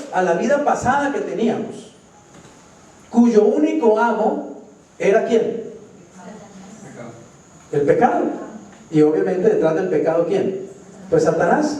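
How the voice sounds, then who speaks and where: A Colombian pastor with a high-pitched, mellow voice preaches a sermon, emphatically posing questions to the congregation and answering them himself. It's recorded from far off in an echoey church hall.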